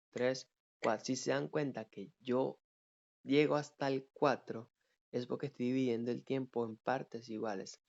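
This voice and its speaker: A man teaches an online music theory class at a patient, steady pace. He counts the beats aloud and keeps checking that his students follow along. His voice sits in an ordinary middle pitch on slightly dull, lo-fi audio. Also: creaky.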